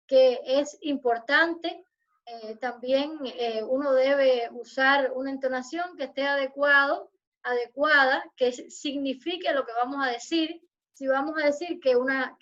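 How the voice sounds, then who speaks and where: A woman lecturer giving an online university class, explaining in a measured way and addressing her students formally. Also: sits high, fairly bright tone, muffled recording. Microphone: video call.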